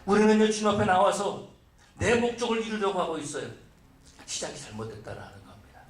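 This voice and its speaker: A man's voice: high-pitched, animated, a little fast. A man preaching a sermon as pastor, asking his listeners rhetorical questions and acting out their complaints. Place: church sanctuary. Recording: echoey church mic from a distance.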